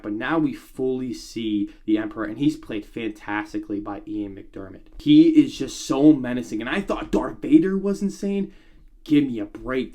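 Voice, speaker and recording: A man in his thirties giving a chatty, animated film review, with bursts of enthusiasm and frequent fillers. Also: medium pitch.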